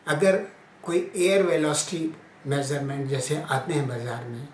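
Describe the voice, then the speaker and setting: Slow, deliberate male teacher in an echoey room. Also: on the high side, darkish tone. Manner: slow, deliberate, sounding out letters aloud. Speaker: teacher explaining Hindi phonetics. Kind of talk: informal spoken lesson. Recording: echoey room with faint ambient noise.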